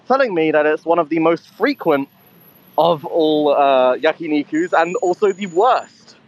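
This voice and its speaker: A man's voice: on the high side, lively intonation, measured pace, low-quality recording. A man telling a rambling story in casual chat, swearing often, speaking from a convenience store. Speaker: co-host of a live audio chat.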